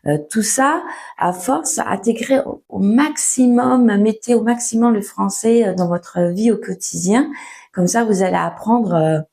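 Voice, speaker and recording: A young woman teaches French in a relaxed, unhurried way, her voice sitting at an ordinary middle pitch. She stretches her words out, fills pauses with soft hesitations and often starts a sentence over. It sounds like a friendly lesson recorded at home. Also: gravelly. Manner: slow, patient, full of fillers and restarts, laughs often. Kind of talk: casual spoken lesson for learners.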